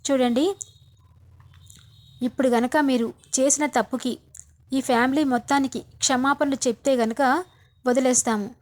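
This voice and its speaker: A woman's voice: high voice, steady tone, normal speed, long pauses, a little mellow, close to an everyday voice. A woman reading the lines of a confident young man who taunts and threatens a policeman in a soap retelling. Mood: taunting.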